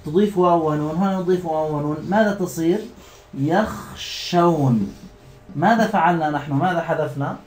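A man's voice: fairly high pitch, a little mellow. Patient man teaching grammar. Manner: patient, explanatory, quizzes students with repeated questions; stretches out example words slowly. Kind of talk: classroom grammar lesson.

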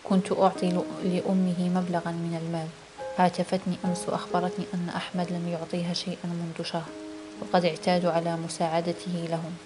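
A woman's voice: fairly low pitch, monotone, quick pace, over music, lightly acted. A woman reading the part of a troubled young wife giving hesitant, evasive answers in an audiobook. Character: weak, troubled young wife hiding a secret.

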